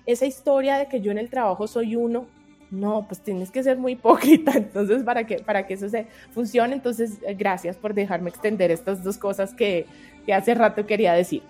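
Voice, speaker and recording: Faint music runs behind a Colombian-accented woman, a researcher and podcast guest, who gives advice in a casual, earnest, expressive conversational manner. Her pitch is medium and her pace moderate.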